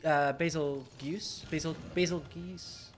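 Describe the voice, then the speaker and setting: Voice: medium pitch, fairly even intonation, unhurried, over music. A streamer chatting casually while playing, rambling with lots of ums and small laughs. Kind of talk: casual chat while gaming.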